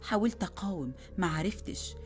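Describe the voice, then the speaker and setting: Fast-talking Egyptian woman telling horror. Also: lowish voice, lively intonation. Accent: Egyptian Arabic. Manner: emotional, shifting from hushed whispers to urgent outbursts. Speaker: horror storyteller. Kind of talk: dramatic first-person horror narration. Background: faint background music.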